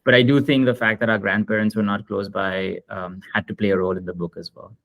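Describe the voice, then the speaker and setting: A man with a lowish voice answering as a guest author on a video call, the sound close and dry. He thinks aloud, restarting phrases and tagging on a questioning "right?". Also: fairly even intonation, quick pace, creaky, a bit bright, no room sound. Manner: reflective, repeats words as he thinks. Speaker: children's book author, panel guest. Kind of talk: panel discussion answer.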